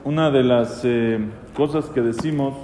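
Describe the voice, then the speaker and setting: A man's voice: medium pitch, fairly even intonation, measured pace, heavy background noise. A man, a rabbi, explaining Hebrew texts in a class and putting questions to his listeners. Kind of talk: Torah class. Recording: echoey room, long reverb.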